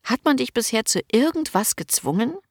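A woman voicing a calm young noblewoman who speaks patiently and reassuringly. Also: fairly high pitch, moderate pace, no echo, studio quality, voice pushed up.

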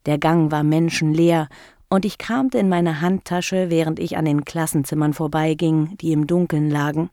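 Female narrator for a first-person story: low voice with gravel, intimate and measured. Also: fairly even intonation, dark tone, no echo, clean studio sound. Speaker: audiobook narrator.

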